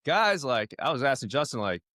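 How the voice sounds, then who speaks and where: Lively enthusiastic male podcast host. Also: medium pitch, dry recording, studio quality. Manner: enthusiastic, quick to praise, laughs along. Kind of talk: casual podcast conversation.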